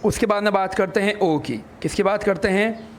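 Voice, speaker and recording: A man whose voice sits high talks at normal speed, with slight background noise, while teaching English letter sounds. Patient and teacherly, he spells words out letter by letter, answers his own questions, and treats the listeners as children in this phonics lesson.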